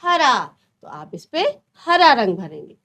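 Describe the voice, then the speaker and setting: A woman's voice: fairly high pitch, very animated, a little slow, bright, forceful tone. A woman teacher explaining a children's textbook lesson, patiently asking questions and answering them herself. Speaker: primary school teacher.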